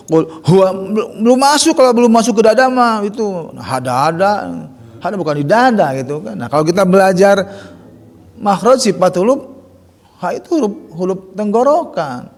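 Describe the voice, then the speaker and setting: A man's voice: high-pitched, darkish tone. A man teaching Quran recitation, drilling letter sounds in chanted syllables. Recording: long hall reverb.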